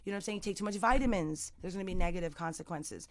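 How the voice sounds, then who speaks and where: A woman's voice: lowish voice, racing. A middle-aged woman talking as an interview guest, earnest and emotional, often repeating words as she goes. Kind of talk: candid interview chat.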